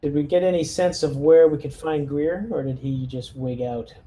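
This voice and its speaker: Playing a tabletop roleplaying game, a man chats casually in character with the group, thinking aloud tentatively. His voice is fairly high and dark-toned, steady, at a moderate pace. It's a home recording with faint noise.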